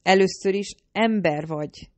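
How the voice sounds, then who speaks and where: Egy nő, aki egy hangoskönyvben egy védelmező, parancsolgató, hirtelen haragú fiatal férfit szólaltat meg. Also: female voice, medium pitch, a little mellow, dry recording, natural voice. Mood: dismissive. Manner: commanding, exasperated. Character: protective, bossy young man, quick to anger.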